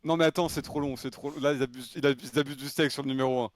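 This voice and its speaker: A man's voice: mid-range voice, steady tone, racing, dry recording. A man streaming live in casual, joking chat, laughing and exclaiming.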